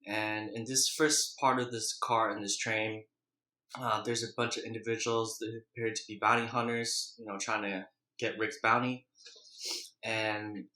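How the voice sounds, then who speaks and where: A man's voice: fairly low pitch, sharp tone. A young man giving a casual, unscripted recap in a rambling, colloquial and hesitant way, as a vlogger reviewing a show. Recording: echoey, roomy sound.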